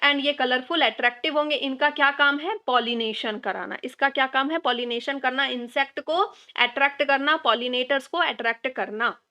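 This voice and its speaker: A woman's voice: high voice, moderate pace, few pauses, bright, forceful tone. A woman teaching a biology revision lesson. She mixes English terms into her speech, asks her own questions, answers them, and repeats the key words. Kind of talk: exam revision lecture.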